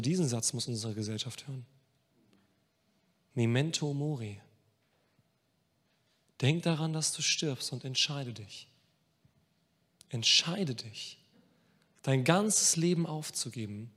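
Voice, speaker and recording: A man preaching a sermon with passion, speaking straight to his listeners and moving between hushed and emphatic delivery. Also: mid-range voice, breathy edge. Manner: addresses listeners directly. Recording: long reverb of a large hall.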